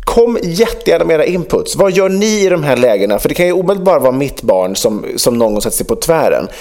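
A man's voice: fairly high pitch, very animated, a little mellow. A man co-hosting a casual podcast, telling a story with frequent fillers and acted-out dialogue. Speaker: podcast co-host.

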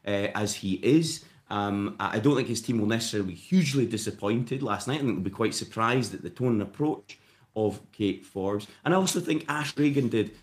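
Guy on a podcast, low croaky morning voice, chatting through political analysis. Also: brisk. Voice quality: croaky, sleepy. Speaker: political commentator, podcast guest.

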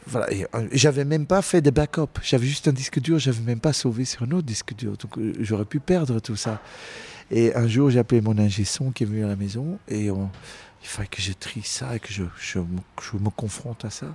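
A man's voice: medium pitch, husky. A man in his forties, a singer being interviewed, telling stories casually with many restarts. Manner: halting, many restarts, animated storytelling.

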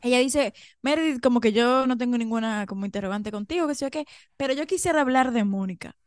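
A woman's voice: on the high side, fast, smooth, dry recording, studio quality. A woman, co-hosting a gossip podcast and recapping with emphatic enthusiasm. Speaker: podcast co-host. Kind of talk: casual gossip chat.

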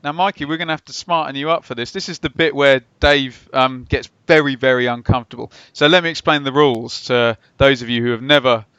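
A man's voice: mid-range voice, fairly even intonation, fairly quick, hardly any pauses, a bit bright, clean tone, dry recording. Man, football podcast host, casual, jokey explainer, dry close sound, slightly lo-fi. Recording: slightly dull lo-fi microphone sound.

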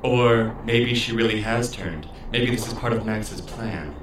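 An actor playing a skeptical, measured male ally in an audio drama. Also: fairly low pitch, lightly acted. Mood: wary. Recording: very echoey room, clear background noise.

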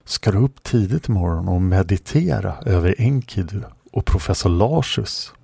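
A man's voice: low-pitched, animated, vocal fry, warm tone, husky, no room sound, exaggerated voice. A man reading aloud and voicing a playful, mocking young woman warrior in a storybook. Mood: teasing. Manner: mocking, teasing questions.

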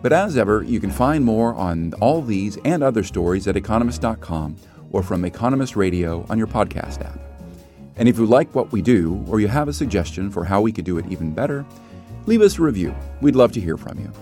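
A man hosting a news podcast, reading scripted links in a measured, dry way. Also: lowish voice, very animated, warm tone, soft background music. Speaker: podcast host.

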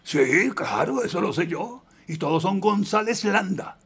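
A man doing his stern gruff old father. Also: mid-range voice, very animated, quick pace, a crowd in the background. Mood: stern questioning. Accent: Venezuelan. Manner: clipped, repeating itself.

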